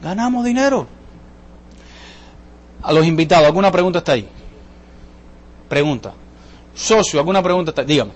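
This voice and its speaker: A man giving a lively motivational sales talk to a live audience, joking and asking the crowd questions. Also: fairly high pitch, moderate pace, long pauses, a little hiss or hum. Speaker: business presenter at a sales seminar.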